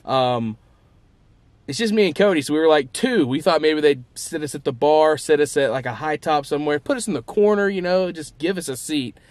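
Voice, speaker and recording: A man's voice: fairly high pitch, fairly quick. A young man, chatting casually to camera in a travel vlog, upbeat and full of fillers. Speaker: vlogger.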